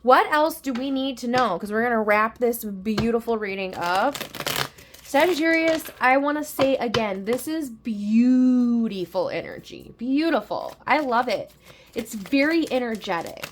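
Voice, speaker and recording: A woman with a fairly high voice gives a tarot reading to her viewers. She talks in a chatty, effusive way, full of enthusiasm, though her voice carries some tiredness. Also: lively intonation, a little slow, a little hiss or hum. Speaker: tarot reader.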